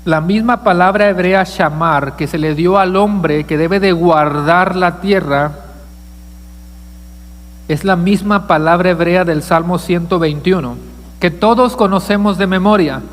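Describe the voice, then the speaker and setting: A man's voice: sits high, a little slow, long reverb tail. A male pastor preaching a sermon, asking the congregation questions and joking with them. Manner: asks the congregation questions, jokes with listeners. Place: church sanctuary.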